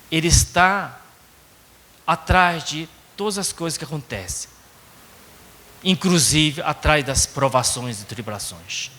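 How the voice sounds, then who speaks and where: Japanese-accented man preaching, bright and unhurried, casual tag questions, long church reverb. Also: fairly high pitch. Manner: conversational, frequent tag questions. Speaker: pastor. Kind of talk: sermon. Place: church sanctuary.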